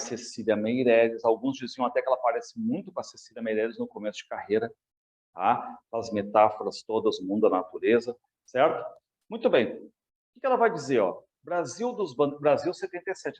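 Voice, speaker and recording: A man's voice: medium pitch, lively intonation, brisk, darkish tone, highs cut off. A man with a Brazilian Portuguese accent teaching literature in an exam review lecture, addressing students directly and often checking that they follow.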